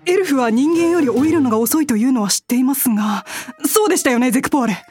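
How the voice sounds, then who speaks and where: Woman as a high-voiced, courteous, flustered fighter. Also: lively intonation, fast talker, a little mellow, slightly rough. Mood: taken aback. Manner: formal, polite, stammering. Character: courteous, dutiful front-line fighter, easily flustered. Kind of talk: fantasy audio drama acting. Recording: music under the voice.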